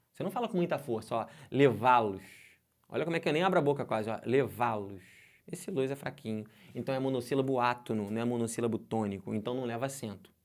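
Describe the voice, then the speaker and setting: A Brazilian man teaches grammar for an exam-prep course. He talks with lively energy, keeps asking his students questions and slowly draws out the example words. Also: mid-range voice. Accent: Brazilian Portuguese.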